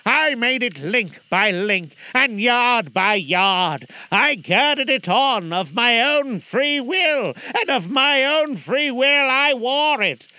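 A man voicing the mournful, chained ghost of a dead old businessman, speaking in a solemn, slow lament. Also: very high-pitched, expressive, bright, forceful tone, smooth, no room sound, pitched above the performer's own voice, exaggerated voice.

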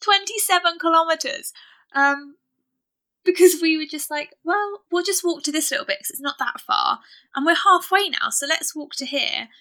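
A young British woman chats as a podcast co-host. Her voice is high and forward, with a bright edge. Her manner is casual, talkative and a little self-mocking. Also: moderate pace. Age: 20s. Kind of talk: casual chat.

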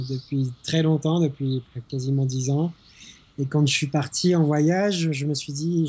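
Heard over a remote call line, the French interview guest chats in an easygoing way from a small mountain hotel, hesitating often. The recording is muffled and the background noisy, and his voice is fairly high.

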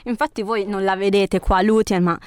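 A woman's voice: mid-range voice, fairly even intonation, moderate pace, darkish tone, clean tone, no echo. A woman hosting a casual chat show in a playful, teasing manner. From central Italy. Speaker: host. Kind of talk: casual chatty radio-style hosting.

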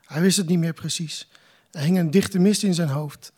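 A man, the author, reading aloud from his novel in a measured, calm way at a live book presentation. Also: on the high side, husky.

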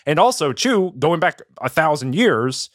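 A man co-hosting a podcast, chatting casually about a book, rambling with many fillers and quick laughs. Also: fairly high pitch, sing-song, no echo, studio quality. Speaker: podcast co-host.

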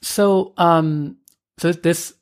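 A woman's voice: on the low side, steady tone, very slow. Hesitant woman in her thirties. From Argentina. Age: 30s. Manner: hesitant, many fillers and restarts. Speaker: podcast guest. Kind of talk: casual conversational interview.

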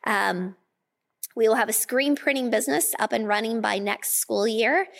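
Creaky-voiced woman presenting at a meeting. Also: fairly high pitch, moderate pace, a bit bright. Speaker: school official giving a presentation. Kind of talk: informal spoken presentation at a meeting.

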